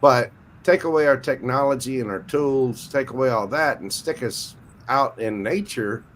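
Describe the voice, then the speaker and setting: A man's voice: mid-range voice, normal speed, fairly bright tone, slight background noise, poor audio. A man in a casual group chat, explaining his view and listing points with emphasis. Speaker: chat participant.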